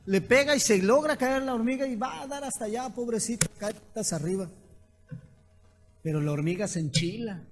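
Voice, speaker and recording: A man with a Mexican accent, a pastor giving a lively sermon full of stories and rhetorical questions. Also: sits high, normal speed. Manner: animated storytelling with rhetorical questions.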